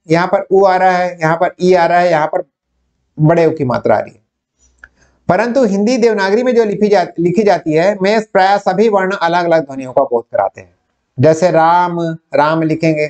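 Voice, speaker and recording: A North Indian man with a fairly high voice gives a Hindi lesson. He explains each point slowly and step by step, asking a question and then answering it himself. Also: a little mellow, highs cut off. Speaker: Hindi teacher. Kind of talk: whiteboard lecture.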